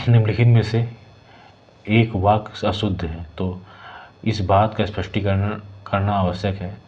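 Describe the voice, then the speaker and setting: A man teaching a Hindi exam lesson, working through practice questions and saying the corrected words slowly and repeatedly. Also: on the low side, fairly even intonation. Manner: repeats words slowly, adds "ठीक है" checks. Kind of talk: explaining exam questions, partly reading options. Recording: dull lo-fi sound with faint hiss.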